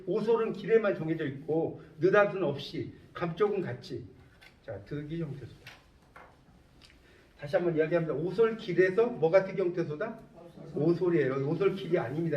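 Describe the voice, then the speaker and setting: A man's voice: fairly high pitch, a little mellow. A man lecturing a class in a lecture room, often stopping to ask the students whether they follow. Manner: questioning students often, checking understanding. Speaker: university lecturer. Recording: distant, echoey, dull classroom recording.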